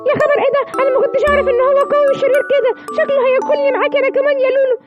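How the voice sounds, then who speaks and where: A plucky little cartoon boy brags about his strength in a high, eager voice, as an Egyptian woman plays him. The pace is rapid, with music underneath. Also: flat delivery, muffled recording. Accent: Egyptian Arabic. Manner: eager bragging. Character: brave boastful little boy, Simba. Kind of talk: children's bedtime cartoon story.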